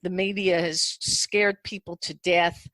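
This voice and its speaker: A woman hosting a talk show interview, asking measured, deliberate questions. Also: fairly low pitch, fairly even intonation, fairly bright tone, dry recording.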